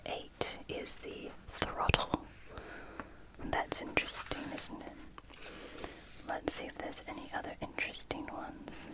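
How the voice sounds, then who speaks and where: ASMR host for book read-through: library whisper, fully unvoiced, unhurried, gentle, short phrases with pauses. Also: poor audio. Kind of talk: whispered ASMR, reading and commenting on a picture book.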